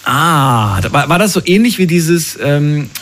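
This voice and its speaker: A man's voice: on the high side, lively intonation, measured pace, a bit bright. A male interviewer asking playful, teasing questions in a casual chat.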